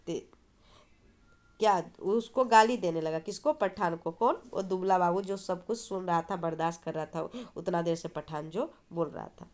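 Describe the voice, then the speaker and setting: A woman's voice: fairly low pitch, normal speed, few pauses, a little mellow. A woman teacher reading a story aloud and explaining it, asking and answering her own questions. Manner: explanatory, asks and answers herself.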